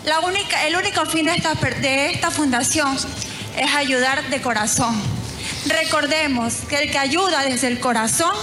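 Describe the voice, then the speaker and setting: A woman's voice: sits high, moderate pace, over music. A woman in her twenties with an Ecuadorian accent, giving a formal, earnest pageant candidate speech. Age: 20s. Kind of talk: prepared speech. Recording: noisy recording with background ambience.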